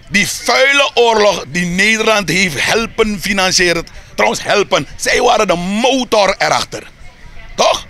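Interviewee: heated Surinamese Dutch man, high-pitched and sharp-edged, rhetorical. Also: gravelly. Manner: heated, rhetorical, repeats words when building a point. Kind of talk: street interview.

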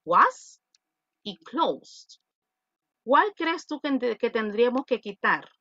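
A woman's voice: on the high side, very animated, slow pace, no room sound, dull audio. A woman English teacher with a Salvadoran Spanish accent, patiently explaining an online class and repeating her points.

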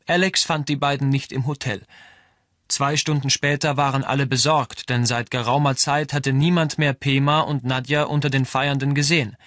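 A man reading a novel aloud as audiobook narrator, in an even storytelling delivery. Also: medium pitch, normal speed, no room sound, clean studio sound. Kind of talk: scripted narration.

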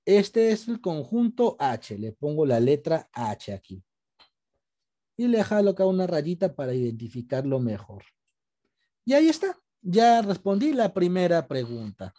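Male teacher, patient and step-by-step, video call, very animated pitch. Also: a little slow. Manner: patient, explains step by step, asks students questions. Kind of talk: online class lesson.

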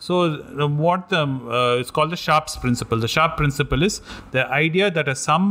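A man's voice: on the high side, quick pace, pushed and bright. A man with a South Indian accent and Tamil as first language, explaining things in a casual podcast discussion and mixing in Tamil. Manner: switches between English and Tamil. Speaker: podcast co-host. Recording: clear background noise.

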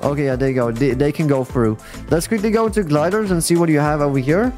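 A man's voice: fairly high pitch, lively intonation, quick pace, darkish tone. A man chatting casually and slangily as he hosts a live game stream and comments on players to his audience. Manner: slangy, addressing viewers and players as bro and guys. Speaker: live streamer hosting a game fashion show. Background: music playing behind the voice.

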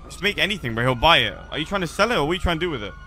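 A young man chatting in character during a roleplay stream, relaxed and teasing. His voice is bright, sitting a touch above the usual male range, with a faint hiss of noise underneath. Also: a little high, very fast. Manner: laid-back and teasing, drawling with easy laughs. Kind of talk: casual in-character roleplay chat.

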